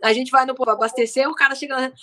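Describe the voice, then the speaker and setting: A young woman chatting casually as a guest, animated and acting out quoted dialogue. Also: sits high, rapid-fire. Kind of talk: casual chat.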